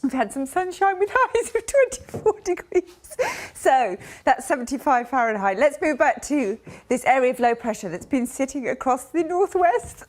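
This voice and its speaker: Lively British woman, high giggly voice. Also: moderate pace. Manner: suppressing giggles as she talks. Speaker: TV weather presenter. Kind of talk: studio weather forecast. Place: TV studio.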